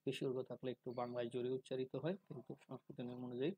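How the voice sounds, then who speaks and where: Male teacher, measured delivery, mellow and slightly husky, dry recording. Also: medium pitch, level tone, dry recording, rough recording. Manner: slow, deliberate, drawing out syllables when demonstrating. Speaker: teacher of Sanskrit pronunciation. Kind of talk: calm spoken lesson.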